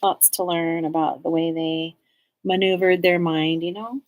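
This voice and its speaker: A woman's voice: lowish voice, fairly even intonation, a little slow, phone-quality sound. A woman in her forties from Southern California, chatting casually and rambling as she makes art on a live stream. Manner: rambling and chatty, full of likes. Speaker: artist hosting a live stream. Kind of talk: casual chat while making art.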